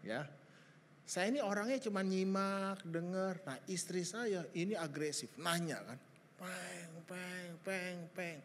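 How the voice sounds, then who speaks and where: A man's voice: high-pitched, slow pace, slight background noise. A male pastor preaching to young couples, joking and acting out conversations with his wife. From Indonesia. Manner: lively, jokey, acts out dialogue. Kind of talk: sermon to young families. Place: large church hall. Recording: hall reverb.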